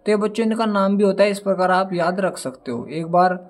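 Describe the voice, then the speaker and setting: Young man, chemistry teacher, high voice, chatty, trips over long words. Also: brisk. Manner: chatty, addresses students as dear children; stumbles over element names, says sorry. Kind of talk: casual classroom lesson with mnemonics.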